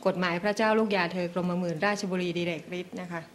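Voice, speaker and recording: A woman's voice: on the low side, fairly even intonation, fast talker. A woman lecturer at a meeting, carefully and politely explaining reading rules step by step. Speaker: invited lecturer.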